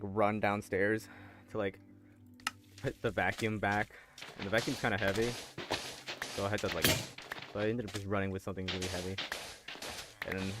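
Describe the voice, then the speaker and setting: A man streaming a game, chatting casually and rambling with many restarts, a little out of breath. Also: on the low side. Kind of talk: casual game livestream chat. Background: music.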